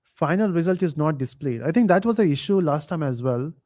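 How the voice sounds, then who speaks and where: A man runs a live quiz stream in a relaxed, chatty way. His voice sits a bit on the higher side, and he often pauses on fillers while he reads viewers' comments aloud. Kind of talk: casual live stream chat.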